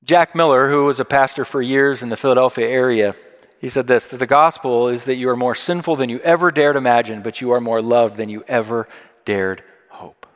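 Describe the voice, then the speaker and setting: A man's voice: mid-range voice, fairly quick. A man preaching a sermon in a conversational, emphatic way, repeating key phrases for weight. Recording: long hall reverb.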